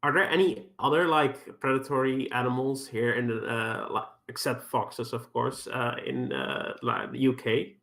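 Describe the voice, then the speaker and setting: A man's voice: mid-range voice, fairly even intonation, moderate pace, gravelly, few pauses, a bit bright. A man playing a tabletop role-playing game, rambling and filling his speech with "like" and "uh". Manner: rambling, full of "like" and "uh". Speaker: player. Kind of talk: tabletop role-play chat.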